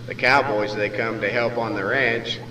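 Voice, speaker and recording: A man's voice: on the low side, steady tone, normal speed, sharp tone. A man with an American West accent and a folksy cowboy drawl, reciting rhymed cowboy poetry as a storyteller. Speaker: cowboy poet. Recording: echoey hall from far off, faint noise.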